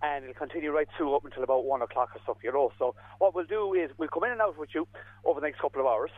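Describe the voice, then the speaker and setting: Casting: Irish male radio roving reporter, high-pitched, rambling and jokey, heard down a thin phone line. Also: very fast. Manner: jokey, rambling, repeats words. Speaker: radio outside-broadcast reporter. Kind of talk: casual live banter and event report. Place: outdoors at a community run.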